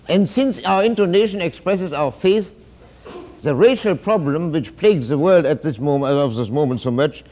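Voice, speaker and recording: Male lecturer, mellow and darkish tone, halting delivery with restarts, philosophical and emphatic. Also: medium pitch. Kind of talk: university lecture.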